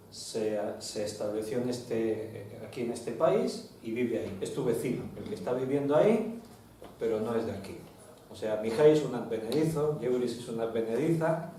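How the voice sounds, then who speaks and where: A man's voice: medium pitch, warm tone, a little hiss or hum. A man with a Spain Spanish accent, a pastor leading a Bible study and putting questions to the congregation. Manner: teaching, asks the congregation questions. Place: church hall. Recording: very echoey hall, distant mic.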